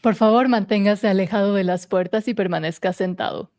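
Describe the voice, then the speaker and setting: A woman's voice in a recorded transit announcement, played back during a show, calm and measured. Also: mid-range voice, no room sound, studio quality.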